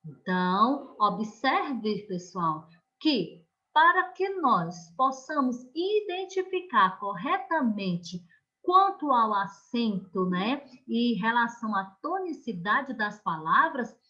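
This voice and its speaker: A Brazilian woman teaching an online class, explaining slowly and patiently and often checking that the children follow. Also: a little high, very animated, sharp tone, dull audio. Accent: Brazilian Portuguese.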